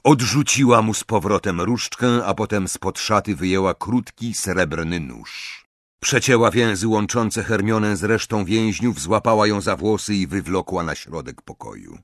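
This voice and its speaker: A man narrating an audiobook with a measured, dramatic reading. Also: fairly low pitch, animated, no room sound, studio quality.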